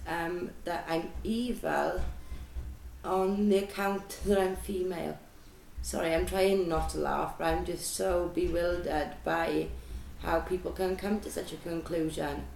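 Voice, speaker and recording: A woman's voice: lowish voice, vocal fry, darkish tone, echoey room, slight background noise, rough recording. A woman speaking in an earnest, hesitant way, with many ums, in an unscripted video response. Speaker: vlogger.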